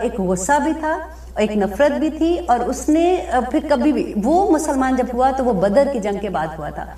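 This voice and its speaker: A woman giving a religious lecture, explaining scripture verse by verse and translating each phrase slowly, with everyday examples. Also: high-pitched, mellow, echoey room, recorded from a distance. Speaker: Islamic speaker. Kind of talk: religious lecture with Quran commentary.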